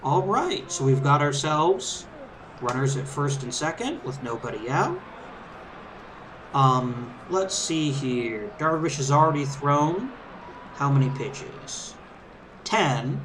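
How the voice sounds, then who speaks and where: A man's voice: fairly high pitch, lively intonation, takes it slowly. Easygoing man commentating over noisy game ambience. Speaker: let's play host. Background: video game crowd ambience and background music.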